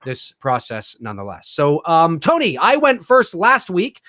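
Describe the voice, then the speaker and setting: A man's voice: on the high side, huge pitch swings, measured pace, bright, forceful tone, no echo. Chatty man in his late thirties, dry sound. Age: 30s. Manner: rambling, many fillers and restarts. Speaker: co-host. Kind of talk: casual live-stream chat. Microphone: video call.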